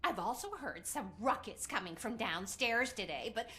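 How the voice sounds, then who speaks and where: A woman's voice: mid-range voice, animated, moderate pace, a crowd in the background, close to an everyday voice. An actress playing an anxious older woman in a video game, pleading dramatically. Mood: worried.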